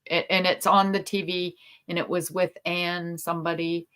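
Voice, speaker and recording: A woman with a fairly low voice chats casually on a livestream over a video call. She is talkative and laughs often, and her sentences often trail off unfinished. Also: level tone, normal speed, fairly bright tone. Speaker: co-host.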